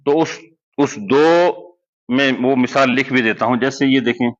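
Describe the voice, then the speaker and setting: Man, mid-pitched, patient classroom explainer who stretches out recited examples; dull lo-fi recording. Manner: explains step by step, slowly drawing out recited words as examples. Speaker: Quran recitation teacher. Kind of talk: classroom lesson. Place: madrasa classroom.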